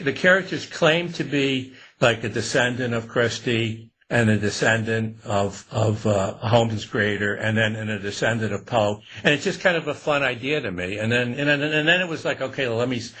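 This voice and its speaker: A man's voice: mid-range voice, fairly bright tone, slightly rough, poor audio. A man, a guest author, talking in a casual interview, rambling and restarting often with a chuckle.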